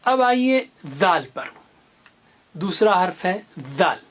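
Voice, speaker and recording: A patient teacher leads a beginner's tajweed lesson at an unhurried, deliberate pace. Each letter sound is drawn out and repeated several times. Short memory stories help explain the shapes of the letters. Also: mid-range voice, sing-song, a bit bright. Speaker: Quran teacher.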